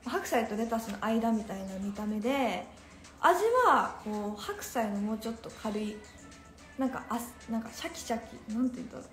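High-voiced young woman chatting on her phone live, laughs a lot, roomy echo, faint music behind. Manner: bubbly, laughs often, chatty with the viewers. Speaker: Instagram live host. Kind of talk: casual live-stream chat reading comments.

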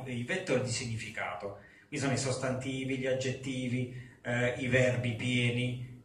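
A male English teacher lecturing a class, who explains patiently and drills phrases slowly and emphatically in English. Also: mid-range voice, a bit bright, far from the mic, slight background noise. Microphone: far recorder in the room. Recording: echoey classroom taped from afar.

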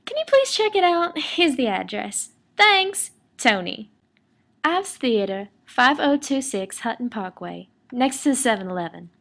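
A woman's voice: sits high, very animated, a little slow, vocal fry, a bit bright, heavily acted. A woman voicing Toni, a polite, bubbly young woman, in a fan audio drama. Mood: earnest.

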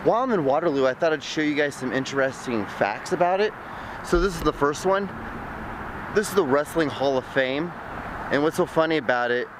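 A man's voice: mid-range voice, background noise. A young man from the Midwest vlogging to a handheld camera on city streets, rambling with jokey, self-deprecating asides. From American Midwest. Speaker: travel vlogger. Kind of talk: casual vlog narration to camera. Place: outdoors on city streets by a river. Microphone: handheld camera at arm's length.

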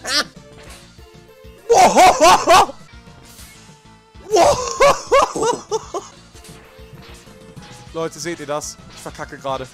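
A man doing gameplay commentary as a let's play host, prone to shouted outbursts and swearing, with game music behind him. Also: extremely high pitch, wildly swooping pitch, extremely slow, long pauses. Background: video game music.

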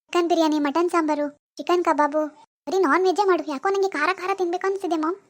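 A woman's voice: very high voice, fairly even intonation, quick pace. A woman voicing a grieving young woman who believes she is still pregnant, childlike, dreamy and stubborn. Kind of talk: animated family drama voice acting.

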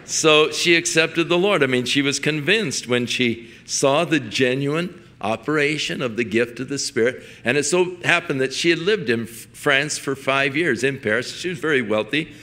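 A man's voice: mid-range voice, normal speed, hardly any pauses, bright, forceful tone. An older man, a pastor, preaching a sermon in a folksy storytelling way, chuckling now and then and restarting his sentences.

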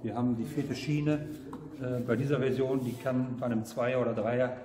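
A man's voice: medium pitch, fairly even intonation, moderate pace, crowd noise. A middle-aged man explaining a product in a camper showroom, earnest and hesitant, with frequent fillers. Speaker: product seller, guest. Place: camper showroom, large indoor hall. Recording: roomy hall with long reverb.

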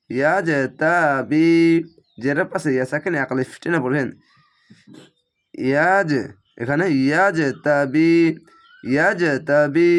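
A man teaching Quran recitation, breaking words into syllables and repeating them slowly, with a Bangladeshi Bengali accent. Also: fairly high pitch. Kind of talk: spelling-out Quran recitation lesson.

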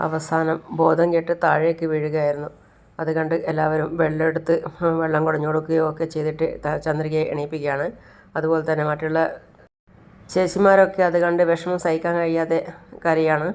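A woman recaps a TV serial for her channel in a plain, unhurried storytelling voice. Her tone sits low and stays flat, with little rise or fall across a sentence. She simply narrates scene after scene.

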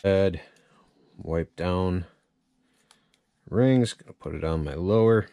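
Working at a workbench in a cluttered indoor workshop, a man demonstrates chainsaw repair in a casual, hands-on tutorial, thinking aloud informally. His voice sits low, creaky and mellow, and he takes it slowly.

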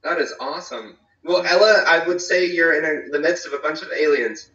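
A man from North Carolina leads a casual church small group over a video call, talking in a friendly, rambling way full of fillers and restarts. His voice is bright but sounds echoey and distant. The audio is dull, like a laptop call. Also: a little high, a little fast. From eastern North Carolina.

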